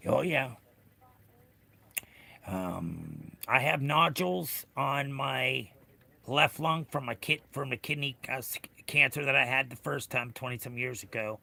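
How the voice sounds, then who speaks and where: Middle-aged American male livestreamer, heavily gravelled whiskey voice with a forceful edge, rambling, blunt, off-the-cuff chat. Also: mid-range voice, measured pace. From United States. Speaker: livestream host. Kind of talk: casual chat with viewers.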